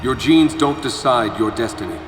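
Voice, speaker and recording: An actor playing a stern, earnest leader of mutants, giving a solemn, declamatory speech in a video game. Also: male voice, medium pitch, animated, normal speed, recorded from a distance, lightly acted. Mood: solemn, resolute. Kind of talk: public oration, video game voice acting. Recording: echoey PA in big space, music, loud crowd.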